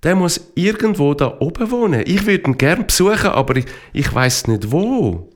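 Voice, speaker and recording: A man voicing a curious little girl in a children's story, high and eager. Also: very animated, moderate pace.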